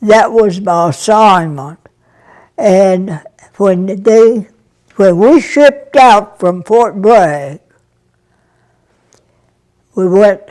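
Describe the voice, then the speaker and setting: A woman over a hundred, raised in Brazil, recalling her years as an army nurse in an interview, speaking softly and haltingly with many pauses. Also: medium pitch. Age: over 100. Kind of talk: interview reminiscence.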